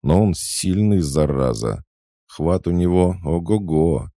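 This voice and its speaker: A man's voice: deep voice, animated, slow pace, mellow, dry recording, clean studio sound, voice pushed up. A man voicing a frightened young woman in an audiobook, shrieking and pleading. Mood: indignant.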